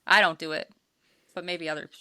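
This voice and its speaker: Female co-host, deadpan and blunt, sarcastic asides, bright edge to the voice. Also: fairly low pitch, brisk, smooth, no room sound, clean studio sound. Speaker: podcast co-host. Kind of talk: casual chat.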